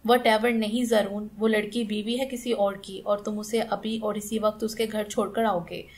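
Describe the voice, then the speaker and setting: Stern, furious aunt figure, harsh commanding tone, fairly high gravelly voice, read by a woman narrator. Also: steady tone, moderate pace.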